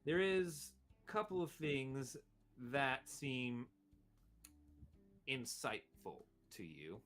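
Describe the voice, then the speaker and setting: A man narrating a tabletop role-playing game as game master, halting and searching for his words. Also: medium pitch, big pitch swings, fairly bright tone, faint music behind.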